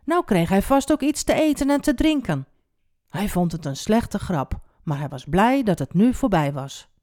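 A woman telling a Bible story to children, expressive and speaking directly to the young listener. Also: medium pitch, moderate pace, dry recording, studio quality.

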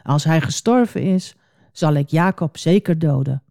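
A woman voicing a hot-tempered young male hunter, pleading and shouting in a storybook reading. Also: low voice, unhurried, gravelly, no echo, clean studio sound. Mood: vengeful.

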